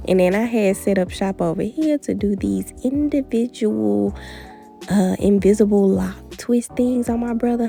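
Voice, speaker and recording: Her mid-range voice has a creaky quality as she films a hair tutorial vlog in a family home. She's animated and playful, chatting straight to viewers and using pet names like "honey" and "baby".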